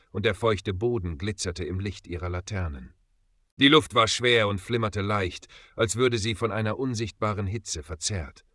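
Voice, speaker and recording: A man narrating a dark adventure story with dramatic emphasis. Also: on the low side, no echo. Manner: dramatic, rising and falling emphasis.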